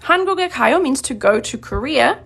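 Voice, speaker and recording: A woman from New Zealand teaching a live-streamed grammar lesson, explaining patiently and clearly, slowing down on her examples. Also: high-pitched, animated, fairly bright tone. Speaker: Korean language teacher.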